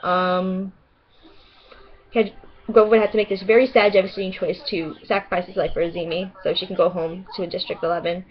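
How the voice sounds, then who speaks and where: A young woman with a New York accent, rambling excitedly and swearing casually in a casual vlog. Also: mid-range voice, dull audio. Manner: chatty, excitable, swears casually, laughs often. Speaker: vlogger.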